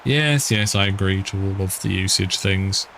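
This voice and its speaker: This UK streamer has a low, creaky, slightly bright voice at normal speed, chatting casually through a video game with wry, grumbling remarks. Game music sits behind him, along with slight background noise.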